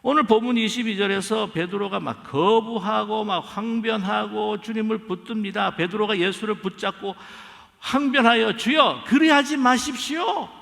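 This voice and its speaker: A man's voice: fairly high pitch, creaky, fairly bright tone. Emphatic preaching man in a reverberant church. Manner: emphatic preaching, acts out quoted dialogue. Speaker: pastor. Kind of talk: sermon. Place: church sanctuary.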